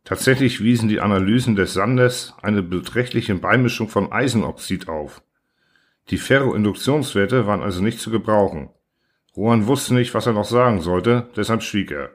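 A male audiobook narrator reads the story in a steady, even style. His voice sits somewhat low, and his delivery stays scripted and composed. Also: normal speed.

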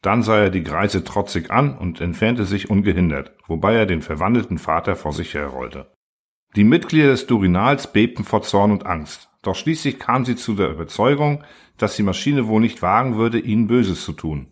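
Male audiobook narrator, husky timbre, low voice, steady storytelling. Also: normal speed. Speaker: audiobook reader. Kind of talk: scripted narration.

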